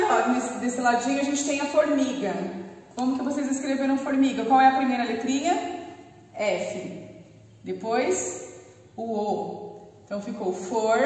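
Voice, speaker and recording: Brazilian lady teacher, slow and patient, high voice, sounds far off in a big echoey room. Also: a little mellow. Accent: Brazilian Portuguese, strong rolled R. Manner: slow, spells out letters and syllables patiently. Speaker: primary school teacher. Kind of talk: remote class for first graders.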